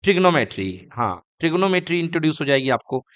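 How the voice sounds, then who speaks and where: A man's voice: fairly high pitch, sing-song, fast, fairly bright tone. A man teaching a lecture, often asking students questions and answering them himself. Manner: calls students kids and beta. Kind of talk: classroom lecture.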